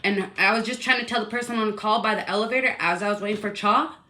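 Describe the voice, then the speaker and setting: A woman's voice: medium pitch, fast talker, bright, forceful tone. A woman telling a personal complaint story in a casual, rambling, indignant way, full of fillers.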